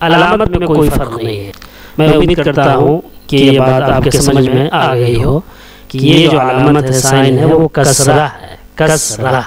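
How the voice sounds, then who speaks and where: A man teaching Arabic letters, repeating each sound patiently in a slow chanting cadence. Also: mid-range voice. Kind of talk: slow recited lesson, drilling letter sounds.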